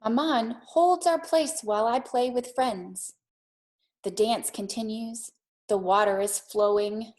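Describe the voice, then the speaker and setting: Slow-paced and a little mellow, this woman's voice sits on the high side. As a teacher doing a read-aloud and lesson for young kids, she sets them a challenge in a simple, encouraging, child-friendly way.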